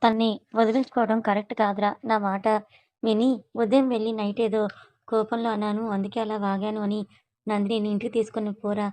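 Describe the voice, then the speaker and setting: A woman's voice: medium pitch, flat delivery, a little fast, a little mellow, dry recording, lightly acted. A woman storyteller voicing a patient young male friend who coaxes and teases. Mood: coaxing.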